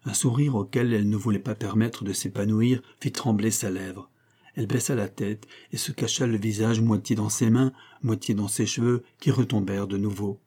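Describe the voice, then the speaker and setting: Male audiobook narrator, solemn and declamatory, with a dark, husky voice. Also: on the low side, fairly even intonation, moderate pace. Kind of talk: scripted narration of a classic novel.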